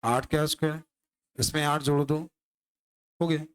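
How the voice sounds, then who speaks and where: Man teaching a lively maths class. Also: fairly high pitch, moderate pace, smooth. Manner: lively, teasing, asks class rhetorical questions.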